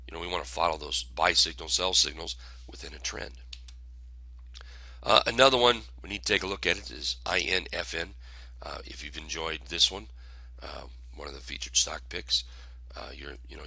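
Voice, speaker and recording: Hoarse male host, deep, bright edge, halting casual market commentary. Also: no room sound. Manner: halting, filler-heavy delivery.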